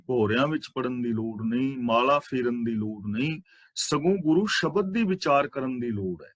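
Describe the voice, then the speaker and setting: A man's voice: mid-range voice, breathy edge, dry recording. Man explaining scripture, dry close sound. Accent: Punjabi. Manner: recites verses slowly, then explains them plainly. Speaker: Sikh scripture teacher. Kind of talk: scripture exposition.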